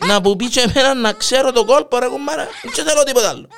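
Sly Cypriot husband in a joke, pushy and pleading, as a man puts him on, lively up-and-down pitch. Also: background noise, natural voice. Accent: Cypriot Greek. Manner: insistent, pleading, animated.

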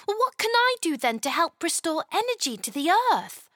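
A woman's voice: extremely high pitch, sing-song, normal speed, no echo, studio quality, voice pushed up, exaggerated voice. Woman voicing a wide-eyed little girl. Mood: eager. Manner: bright, wondering questions. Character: curious, eager little girl.

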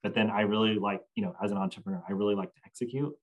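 Reflective man guest, lowish voice. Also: racing, phone-quality sound. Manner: reflective, animated when telling anecdotes. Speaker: guest, entrepreneur. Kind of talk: podcast interview.

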